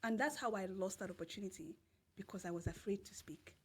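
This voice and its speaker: Brisk and emphatic, this Nigerian-accented woman recounts a personal story as a podcast guest, circling back to repeated phrases and laughing throughout the casual interview. She has a mid-range, darkish, slightly rough voice.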